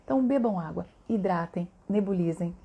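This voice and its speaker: A middle-aged woman with a Brazilian Portuguese accent, a voice therapist, chats on a live stream and answers viewers, talking a lot and using many tag questions. Her voice is on the low side, gravelly, mellow, and husky, and she speaks fairly quickly.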